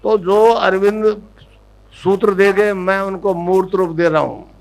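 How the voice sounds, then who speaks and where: A man giving a devotional discourse as a spiritual guru, teaching in an instructive way, often checking that listeners have understood and repeating a chant slowly for them to follow. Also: high voice, steady tone, gravelly, low-quality recording.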